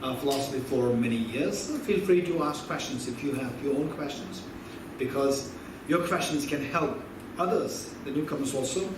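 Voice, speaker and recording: A man's voice: medium pitch, normal speed. A man in his fifties teaching Buddhist philosophy to an audience in a conversational way, quizzing listeners and repeating key phrases. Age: 50s. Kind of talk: teaching talk with audience questions. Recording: echoey hall from far off with background noise.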